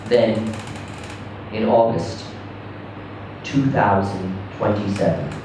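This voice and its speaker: A man with a mid-range voice reads a short story in an animated first-person style, dramatically performing it for a live audience. The recording is roomy and echoing, captured by a distant mic with faint noise.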